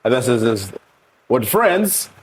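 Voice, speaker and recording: A man's voice: mid-range voice, takes it slowly, slight background noise. A man in his thirties from Eswatini, a guest in a candid interview, talking openly and animatedly about himself with many asides. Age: 30s. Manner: animated storyteller who voices others' reactions in asides.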